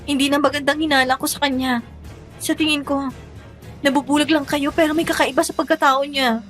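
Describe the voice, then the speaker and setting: A woman's voice: high voice, fairly even intonation, a little fast, a bit bright, faint music behind. A young woman voicing a polite, fearful young servant in an audio horror drama. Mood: earnest. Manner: polite, earnest, breaks into screaming and sobbing.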